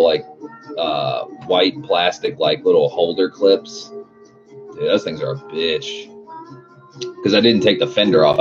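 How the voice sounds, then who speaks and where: A man talking like a frat bro, full of "dude" and swearing, chatting casually on a livestream as he hosts and answers viewers. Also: deep voice. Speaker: car livestream host. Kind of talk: casual livestream chat, reading out viewer comments. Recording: muffled audio with loud music behind. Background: loud music.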